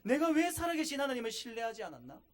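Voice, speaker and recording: A stern reformer husband, as a male preacher voices him, given lines inside a sermon story. The voice stays high and close to the preacher's own. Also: sing-song, quick pace. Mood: reflective. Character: stern reformer husband, rebuking then reflective.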